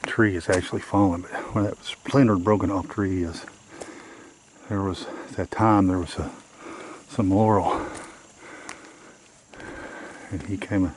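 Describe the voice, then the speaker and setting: Winded man talking low on a hike. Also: fairly even intonation, unhurried, long pauses, noisy background. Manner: often drops to a hush. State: out of breath. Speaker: vlogger on a woods hike. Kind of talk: casual walking vlog. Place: outdoors on a forest trail. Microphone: handheld camera.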